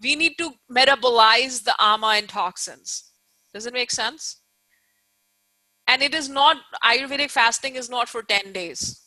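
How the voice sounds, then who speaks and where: A woman's voice: on the high side, a little slow, pushed and bright, dry recording, rough recording. A woman teacher giving an informal live online lecture, explaining emphatically, repeating key points and often checking that listeners follow.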